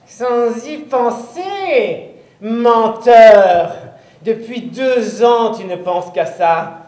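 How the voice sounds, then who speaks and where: A performer voicing a spiteful old witch woman in an audio storybook, with a shrill, pointed voice and a mocking, scolding manner. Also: animated, very slow, darkish tone, reverberant.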